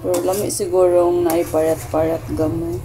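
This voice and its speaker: A woman's voice: little pitch movement, normal speed. Chatty woman vlogging in a noisy kitchen. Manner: chatty, mixing Cebuano and English, soothing a crying baby in high sing-song. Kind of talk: casual cooking vlog.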